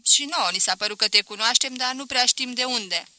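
A woman voicing a bitter, haughty aging spinster who talks in a loud and sharp way. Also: fairly high pitch, no room sound. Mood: wary.

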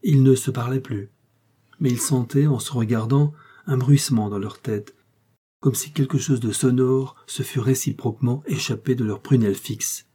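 A man reading a classic novel aloud in a measured, expressive way. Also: medium pitch, slightly rough. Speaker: audiobook reader. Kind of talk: literary narration.

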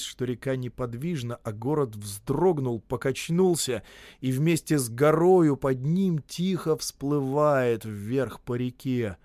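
A man giving a measured, scripted reading of a literary story. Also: mid-range voice, darkish tone, no room sound. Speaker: narrator.

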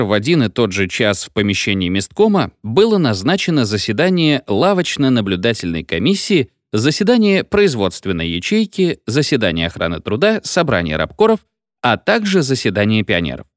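A man reads a comic story aloud in an animated way, playing up every absurd scene. His voice rises and falls freely over a mid pitch. The recording is close-miked and completely dry. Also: brisk, no room sound. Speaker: narrator. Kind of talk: humorous audiobook reading.

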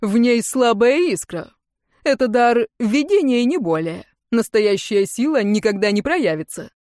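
A woman's voice: mid-range voice, big pitch swings, measured pace, darkish tone, no room sound, studio quality. A woman voicing a lazy teasing cat familiar. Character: cheeky lazy young male cat familiar.

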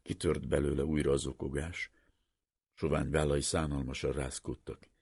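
Deep, husky male audiobook narrator. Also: flat delivery, darkish tone, no room sound, clean studio sound. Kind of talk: audiobook reading of a novel.

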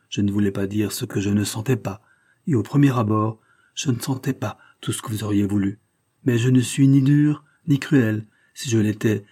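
A man reading the part of an earnest young countryman, measured and sincere. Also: fairly low pitch, dark tone, slightly rough.

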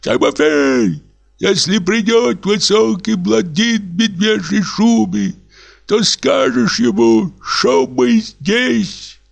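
A man's voice: high-pitched, lively intonation, slow pace, vocal fry, pitched above the performer's own voice, heavily acted. A man doing a rowdy drunk party-goer. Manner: boisterous, shouting orders. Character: loud tipsy male party-goer, bossy and jovial. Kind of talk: audiobook character voice.

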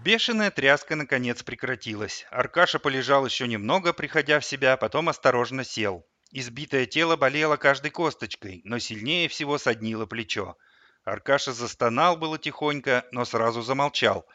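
A man narrating an audiobook with a vivid, expressive reading. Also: mid-range voice, normal speed, no room sound, highs cut off.

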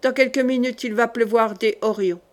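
A woman's voice: a little high, steady tone, moderate pace, natural voice. A woman voicing a sly, blustering male mercenary in an audiobook, scornful and bossy. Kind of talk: audiobook character voice.

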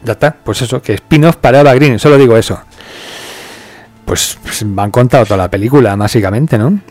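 A man's voice: mid-range voice, fairly quick, dry recording, faint music behind. A man from hosting a casual podcast, chatting about a film and reading out listener comments. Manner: relaxed, chatty, laughs and swears now and then. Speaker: podcast host.

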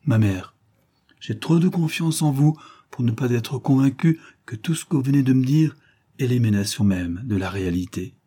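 A man's voice: medium pitch, moderate pace, mellow, husky, pitched above the performer's own voice, natural voice. A man voicing a proud young nobleman avenger who speaks with earnest emotion, read in a storybook.

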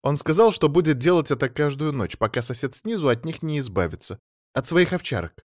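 A man voicing an agitated woman phoning the police, talking fast and pleading, then furious. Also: fairly high pitch, lively intonation, no echo, clean studio sound, voice pushed up. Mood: worried, rambling. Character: agitated middle-aged woman caller, shrill and indignant.

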